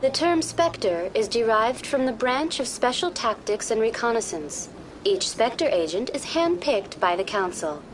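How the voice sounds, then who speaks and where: A woman voicing a polite female virtual-intelligence information program in a video game, with an even, courteous, too-smooth synthetic delivery. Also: fairly high pitch, a little slow, a little hiss or hum. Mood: calm informative. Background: game music.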